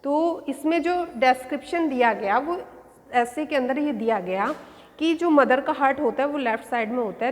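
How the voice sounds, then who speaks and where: High-voiced woman teacher in an echoing room. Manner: explains in Hindi mixed with English terms, repeating points. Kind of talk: classroom lecture explaining an essay.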